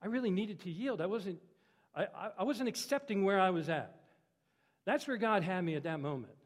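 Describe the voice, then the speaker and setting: A man's voice: high-pitched, animated, moderate pace, long reverb tail. A man preaching a sermon in a conversational storytelling way, his voice rising and dropping for emphasis. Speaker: pastor.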